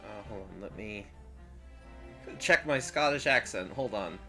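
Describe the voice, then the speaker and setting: A man's voice: lowish voice, animated, measured pace, pushed and bright, soft background music. A man hosting a let's play, stumbling and correcting himself as he reads. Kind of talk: casual game commentary.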